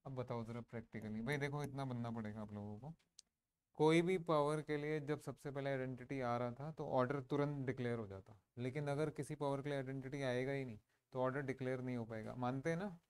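A man's voice: mid-range voice, a little fast, darkish tone, clean tone. Man teaching maths in Hindi and English. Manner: mixes Hindi and English, asks the class to confirm. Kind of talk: classroom lecture. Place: classroom.

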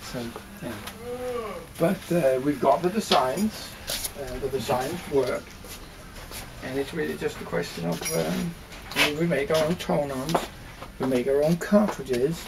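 The founder of an audio company, an older man, rambles through a factory tour with frequent restarts and hand gestures, his voice on the high side and a little slow. The camera-mic recording, made in a large indoor warehouse with shelving, is very noisy.

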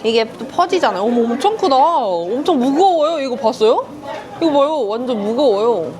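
A woman food vlogger chatting playfully as she eats, full of quick exclamations. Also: high-pitched, expressive. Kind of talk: casual mukbang chat. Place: busy restaurant. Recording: restaurant crowd chatter behind. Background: diners chattering.

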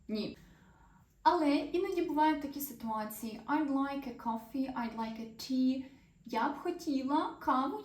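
A woman's voice: a little high, a little mellow. A woman teaching a grammar lesson to viewers, explaining patiently and putting questions to them. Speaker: English teacher. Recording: echoey room, voice a little far from the mic.

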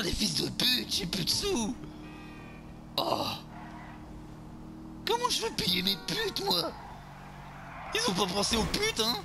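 Un homme jouant un beauf marseillais bourru. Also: male voice, medium pitch, gravelly. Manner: crude, vulgar grumbling, talking to himself while playing. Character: boorish drunk beer-loving lout, man, crude and brash. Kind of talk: game role-play commentary.

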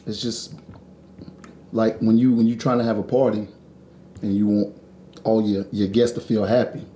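Mellow dude co-hosting a snack review, matter of fact, casual chat at home. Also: male voice, lowish voice, level tone, normal speed. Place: living room at home, indoors.

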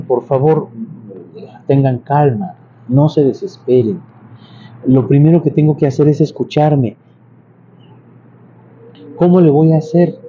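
A man's voice: medium pitch, dark tone. A man giving a casual singing lesson, explaining patiently with many restarts and examples. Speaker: church music and singing teacher. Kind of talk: casual vocal lesson with sung demonstrations. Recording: dull, slightly lo-fi sound with faint noise.

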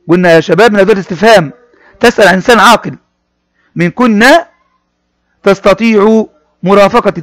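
Male teacher, high-pitched, slow repetitive explanations for young pupils, dry close sound. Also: no echo. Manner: explains each word slowly, addressing pupils, repeating phrases. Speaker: primary school teacher. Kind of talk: classroom reading lesson.

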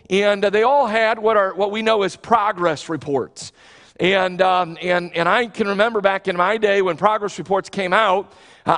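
Earnest American pastor, high voice, church reverb. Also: male voice, fairly bright tone. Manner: earnest, restarts phrases, emphatic swells. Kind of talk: sermon. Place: large church sanctuary, on the platform.

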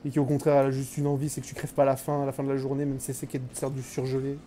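A man's voice: medium pitch, monotone, rapid-fire, warm tone, a little hiss or hum. A young man streaming a live game, chatting with his viewers, joking and mocking himself as he plays. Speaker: gaming streamer. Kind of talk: live gameplay commentary.

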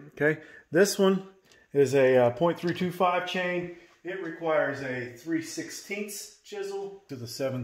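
Folksy man teaching in a workshop. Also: mid-range voice. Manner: folksy, talks straight to viewers, many "okay?" checks. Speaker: chainsaw maintenance presenter. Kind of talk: casual workshop tutorial. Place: indoor home workshop.

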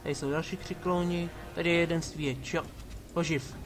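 This let's play gamer speaks at a fairly high pitch with fairly even intonation, sarcastically directing his party members while casually commenting on the game. Game music sits behind his voice.

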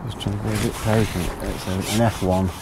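A man's voice: on the low side, flat delivery, a little fast, heavy background noise. A middle-aged man, talking casually to camera outdoors beside a lake, chatting through his plans. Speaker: angler vlogger.

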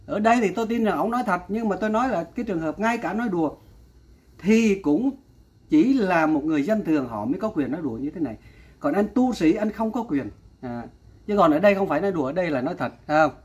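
A man's voice: sits high, lively intonation, fast, slightly rough. A man giving an exasperated commentary vlog, talking straight to his viewers and repeating exclamations of disbelief. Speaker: vlogger.

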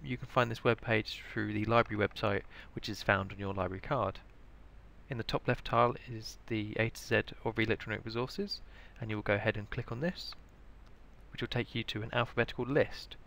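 This British man is an information librarian presenting a training tutorial, delivering scripted instructional narration. His voice is lowish and a bit bright, with some vocal fry.

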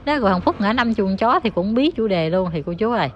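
Lady ranting on her vlog, scornful and insulting, mid pitch, bit of faint noise behind. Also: animated, quick pace, muffled recording. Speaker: online commentator. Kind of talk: ranting commentary vlog to viewers.

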